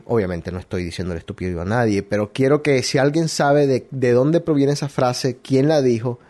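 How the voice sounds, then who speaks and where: A man from Colombia hosting a talk show, musing out loud in a rambling way with many restarts. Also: mid-range voice. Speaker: radio show host. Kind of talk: casual opinion monologue.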